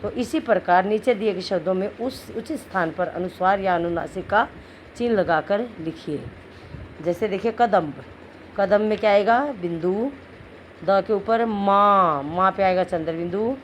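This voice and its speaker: A woman teacher explaining a lesson to children, drawing out syllables slowly as she goes through each word. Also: mid-range voice. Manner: slow, explaining, drawn-out syllables. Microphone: phone. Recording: screen-recorded phone audio with faint noise.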